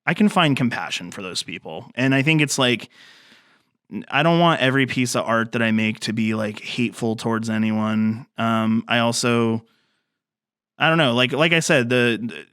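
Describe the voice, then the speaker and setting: This podcast guest is a thirtysomething filmmaker raised in the mountains, talking casually in a rambling way with many fillers and restarts. His mid-range voice is smooth, slightly bright and at a normal speed, recorded dry with clean studio sound.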